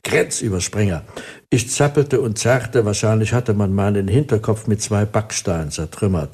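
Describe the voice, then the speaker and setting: A man's voice: lowish voice, moderate pace, warm tone, husky. A man narrating a first-person story as an audiobook, wry and vivid in delivery.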